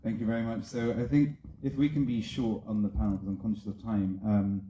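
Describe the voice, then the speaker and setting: A low-voiced man hosts a post-screening Q&A, his tone very dark and mellow. He keeps things upbeat with quick jokes. The sound is echoey, as in a large room. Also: fairly even intonation, muffled recording, slight background noise. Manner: upbeat, joking asides. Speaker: panel moderator. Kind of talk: hosting an audience Q&A. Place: screening venue.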